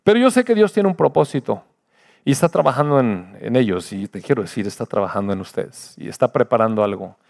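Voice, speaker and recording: An older man, a pastor giving an earnest personal testimony in a sermon, his voice swinging from loud to hushed. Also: medium pitch, animated, brisk, gravelly.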